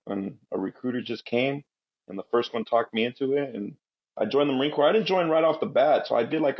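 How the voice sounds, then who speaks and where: A Marine veteran in his thirties, originally from Guatemala and raised in Southern California, is a guest on a podcast, telling stories in a laid-back, rambling way during a casual interview. His voice is medium-pitched and gravelly, and the audio sounds dull.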